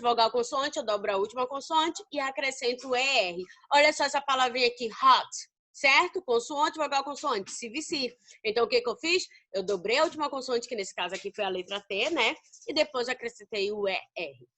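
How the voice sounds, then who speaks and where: High, bright-voiced Brazilian woman teacher. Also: lively intonation, a little fast. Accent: Brazilian Portuguese. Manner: asks questions and answers them herself; affectionate, calls students babies. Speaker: English teacher. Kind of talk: recorded grammar lesson.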